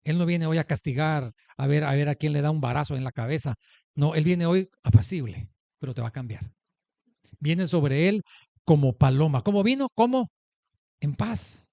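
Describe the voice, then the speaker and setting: A man's voice: on the high side, moderate pace, vocal fry, warm tone, no room sound. A man preaching a sermon as pastor, emphatic, asking the congregation questions and answering them. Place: church in the United States.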